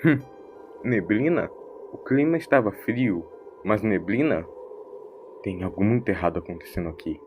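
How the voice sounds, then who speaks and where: A man's voice: fairly low pitch, expressive, moderate pace, long pauses, phone-quality sound, a little hiss or hum, natural voice. A man acting out a stern, pompous, dismissive old grandfather in an audio story, humming and muttering between phrases. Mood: puzzled. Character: grumpy, dismissive old grandfather, learned alien traveller.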